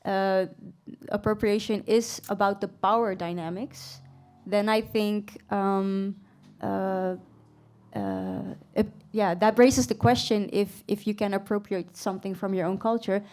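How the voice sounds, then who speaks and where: Speaking a little slowly in a medium-pitched, slightly mellow voice, a Netherlands-raised singer answers as a panelist in a live stage discussion at an event venue, with soft background music. She's thoughtful and hesitant, thinking aloud with lots of fillers and laughter.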